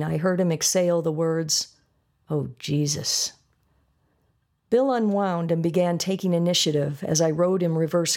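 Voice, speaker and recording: A woman reading a first-person audiobook in a steady, intimate way. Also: lowish voice. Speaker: audiobook narrator.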